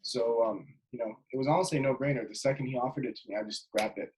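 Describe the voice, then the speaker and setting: Talking fast in a mid-range voice, a relaxed Jordanian basketball player rambles as a guest on a casual interview, restarting often and using plenty of fillers. He's on a webcam video call indoors in his bedroom, and the audio quality is poor.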